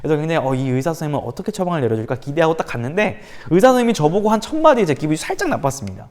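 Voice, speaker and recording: A male pastor preaches to teenagers at a quick clip. His pitch swings widely as he tells the story and acts out the quotes, and his voice sits a little high. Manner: animated storytelling with acted quotes. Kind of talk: youth sermon. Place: church room for online service.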